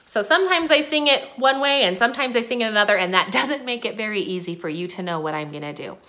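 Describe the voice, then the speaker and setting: Young woman doing an online preschool class, gentle sing-song to little kids, bright tone. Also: medium pitch, lively intonation. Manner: gentle, slow and sing-song, talking to small children. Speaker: preschool teacher.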